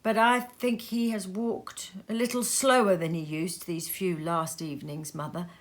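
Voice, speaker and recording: A sorrowful young son from a storybook, played by a woman reader. He speaks slowly, softly and carefully, with a gentle, subdued air. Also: on the low side, steady tone.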